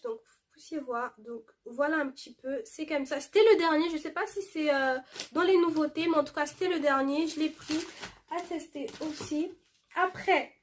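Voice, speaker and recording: A high-voiced woman hosts a casual beauty haul vlog. She reads product labels aloud in a loose, chatty way and pauses often on fillers. Now and then she drifts a little away from the camera mic. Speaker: beauty vlogger showing a shopping haul.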